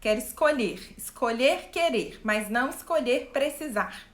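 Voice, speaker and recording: A woman coach talks live to her viewers, lively and questioning. She often acts out what other people say. Her voice sits a little high, and the room rings with echo. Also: a little slow. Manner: animated, asks the audience questions, acts out quotes. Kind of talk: live-stream talk to viewers.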